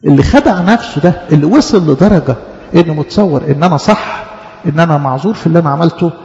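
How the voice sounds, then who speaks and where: A man's voice: fairly high pitch, expressive, very fast, darkish tone. A man preaching a sermon in an Egyptian Arabic accent, teaching earnestly and repeating his points. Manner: earnest, repetitive teaching cadence with acted quotations. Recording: dull echoey church hall.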